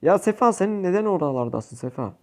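Excitable young gamer, high voice. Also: male voice, a little fast. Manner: excitable, swears and yells at teammates. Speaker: gaming youtuber. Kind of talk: casual gameplay commentary.

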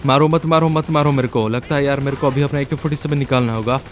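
A young man giving excited gameplay commentary, talking to his viewers in casual slang and repeating words in quick, frantic bursts. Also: medium pitch, a little hiss or hum. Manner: speaks as the game character in first person; casual slangy Hinglish, addresses viewers as guys. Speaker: gaming YouTuber. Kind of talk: excited Let's Play commentary.

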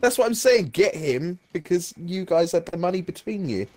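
A man in casual gaming banter who gets excitable and shouts out callouts to his teammates. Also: high-pitched, normal speed. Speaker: gamer playing with friends.

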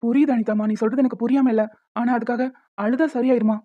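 A woman voicing a gentle young husband in a cartoon, soothing and reassuring his wife. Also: a little high, steady tone, quick pace, phone-quality sound, lightly acted. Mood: comforting.

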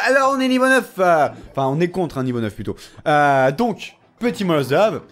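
A young man with a fairly high, very lively voice comments on his game in a relaxed, casual way. His throat is sore and a little strained, and he keeps teasing his opponent. Faint music plays underneath the recording. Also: moderate pace. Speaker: gaming video creator.

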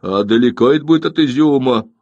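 A man's voice: medium pitch, fast, dark tone, dry recording, highs cut off, voice pushed up, close to an everyday voice. A man reading an audiobook, voicing a timid, bewildered male Cossack townsman who frets and exclaims.

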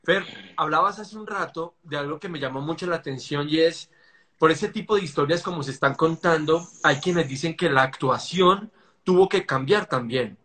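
A man's voice: fairly high pitch, moderate pace, a bit bright. A man in his forties hosting a live-stream interview from home, eager and agreeable, with many short affirmations. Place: indoor room at home. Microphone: phone camera on a video call.

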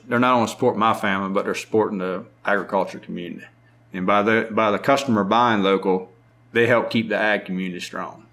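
A middle-aged man with a strong Maryland Eastern Shore accent, a farmer talking casually in an interview with a drawn-out, unhurried way of speaking. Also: fairly low pitch, a bit bright. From lower Eastern Shore of Maryland. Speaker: farmer and market owner.

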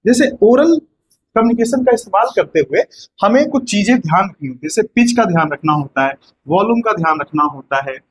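High-voiced male teacher, lecture style. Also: a little hiss or hum, low-quality recording. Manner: explains step by step with rhetorical questions and "है ना" checks. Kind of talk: exam-prep lecture. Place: classroom with whiteboard.

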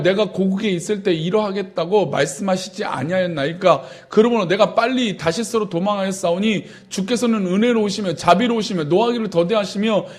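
A man with a high voice preaching a sermon. He reads scripture aloud and breaks into lively, indignant acted-out quotes. His delivery rises and falls with emphasis throughout. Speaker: pastor.

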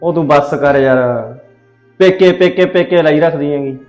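A man's voice: on the high side, moderate pace, darkish tone, echoey room, faint music behind, close to an everyday voice. A young man playing a defensive, exasperated husband caught between wife and mother. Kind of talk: village family drama acting.

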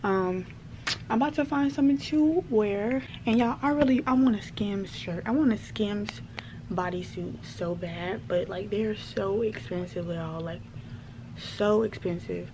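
A woman's voice: medium pitch, measured pace, background noise. A young woman, chatting casually to her vlog viewers, rambling and calling them y'all. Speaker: vlogger. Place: at home.

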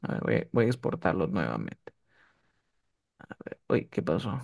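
A man's voice: deep voice, very animated, moderate pace, gravelly, darkish tone. A man teaching English one-on-one over a video call, often checking that his student is following. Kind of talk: one-on-one online tutoring.

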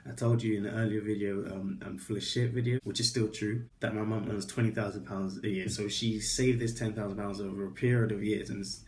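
A man's voice: fairly low pitch, level tone, brisk, hardly any pauses, a little mellow, slight background noise. A young man tells a story to camera, swearing a lot and acting out both sides of a conversation. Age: young adult. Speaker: vlogger. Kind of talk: casual storytelling vlog.

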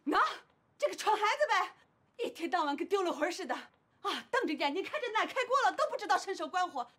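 An actress playing a sharp-tongued young mother who nags and shouts at her niece, in a TV drama with loud music underneath. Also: very high-pitched, big pitch swings, fast talker, full character voice. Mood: complaining. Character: shrill scolding aunt, young mother. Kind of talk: TV drama acting.

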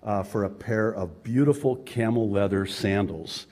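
A male Arabic-speaking pastor in his 50s preaches a sermon in a conversational pulpit style, dropping in chuckling asides. His voice is lowish and darkish in tone, and his pace is a little slow.

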